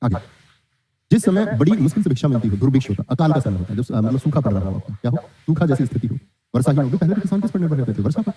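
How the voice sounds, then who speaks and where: Fast-talking male teacher. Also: mid-range voice, big pitch swings, dark tone. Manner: quizzing, answers his own questions, reads student comments. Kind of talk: online exam-prep class. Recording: dull lo-fi sound.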